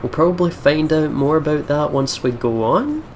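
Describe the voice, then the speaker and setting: Speaking at a normal speed with plenty of expression, this man has a voice on the higher side, and there's a bit of background noise. He's a let's play host at his computer at home, using a desk microphone for rambling, slangy gaming commentary with swearing and occasional read-aloud text.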